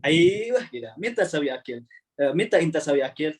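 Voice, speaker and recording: A man's voice: fairly high pitch, a little fast. Guy teaching arabic over a video call, laid back, keeps repeating words as he explains. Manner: relaxed, chatty, repeats words while explaining. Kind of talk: online class teaching.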